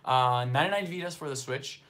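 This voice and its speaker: On his casual livestream, a man of medium pitch and fairly bright tone chats at a fairly quick clip, reading out viewer comments. He is Brazilian-born, from the northeast, a native Portuguese speaker with a slight accent, and his talk is loose, rambling and filler-heavy.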